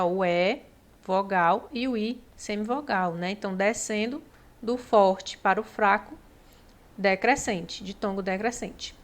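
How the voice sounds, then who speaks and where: A woman with a Brazilian Portuguese accent giving a patient exam-prep lesson, stretching out syllables and checking in often with the class. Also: medium pitch. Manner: patient, drawn-out syllables, frequent "né?" and "ó". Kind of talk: explanatory lesson.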